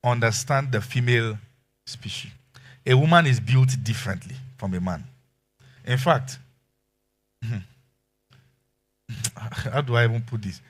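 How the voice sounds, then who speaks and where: A man preaching a sermon as pastor, animated and emphatic, asking rhetorical questions. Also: medium pitch, measured pace, pauses often.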